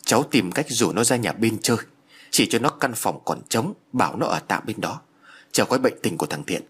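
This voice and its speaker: Male narrator doing a stubborn elderly mother, firm and husky, audiobook. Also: lowish voice, animated, moderate pace, fairly bright tone. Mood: stern. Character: stern elderly village mother, strong-willed. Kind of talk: audiobook character voice.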